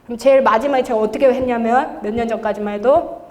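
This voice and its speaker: A woman with a fairly high voice tells her testimony at a church service, in a lively storytelling way with frequent laughter. Her voice rings with the long reverb of a large church hall. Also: fast. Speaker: intercessory prayer leader giving testimony. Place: church sanctuary.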